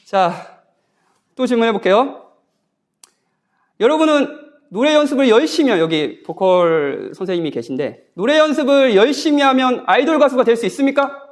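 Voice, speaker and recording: A man's voice: very high-pitched, expressive, moderate pace. A man, a guest pastor, preaching a sermon at a church Bible conference in a conversational way, often asking the congregation questions. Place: church sanctuary.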